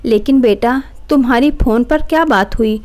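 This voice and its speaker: A woman voicing a calm, caring middle-aged mother who speaks soothingly. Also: on the high side, moderate pace, natural voice. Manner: soothing, gentle.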